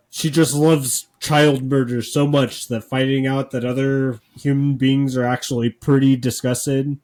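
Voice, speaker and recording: A man co-hosting a podcast, talking casually with deadpan sarcasm and lots of filler words. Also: medium pitch. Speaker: podcast co-host.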